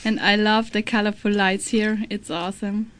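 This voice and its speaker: A woman's voice: medium pitch, level tone, normal speed, fairly bright tone, slight background noise. A young woman from Austria, visiting the studio and giving brief, cheerful answers. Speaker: visitor guest. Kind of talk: casual chat.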